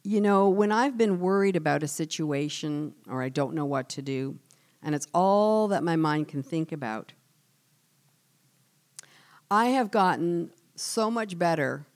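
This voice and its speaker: A woman with a low voice gives an earnest devotional teaching. She speaks slowly and deliberately, and lets her voice fall soft on the words she wants to land. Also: lively intonation. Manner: earnest, measured, often dropping softer on key words. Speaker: church speaker.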